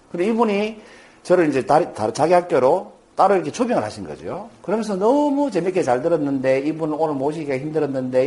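A man hosting a talk series, telling stories in a lively way and asking rhetorical questions that he answers himself. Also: on the high side.

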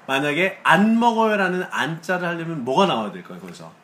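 A man's voice: on the high side, big pitch swings, quick pace, a bit bright. A man teaching English to a student, drilling phrases and praising her readily. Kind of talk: live English lesson with a student.

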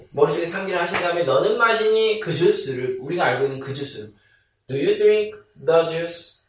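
A man teaching a basic English lesson, drilling sentences slowly, repeating them and checking that viewers follow. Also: a little high, very echoey, distant mic. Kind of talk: online lesson.

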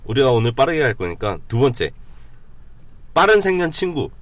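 A man hosting a casual talk show, joking and speaking slowly. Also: medium pitch, big pitch swings, over a noisy crowd. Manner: slow, drawn-out, joking. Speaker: host.

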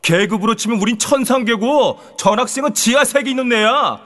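An actor playing an arrogant, snobbish high school bully in an audio drama, sneering and haughty, in a reverberant space. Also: male voice, animated, fairly quick, a bit bright. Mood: scornful, hostile.

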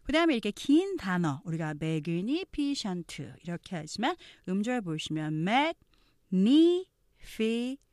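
A woman's voice: on the low side, very animated, no room sound, clean studio sound. A woman teaching English pronunciation in an online lesson. She explains each point step by step and coaches learners to repeat after her. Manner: slow, exaggerated model readings of English phrases.

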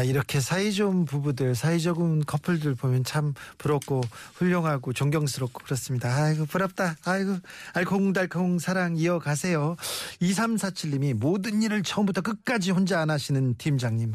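A man's voice: a little high, no room sound. A man hosting a radio show, reading listener messages aloud and cheering people on in a chatty way. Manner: warm, chatty, reacts to listener stories with encouragement.

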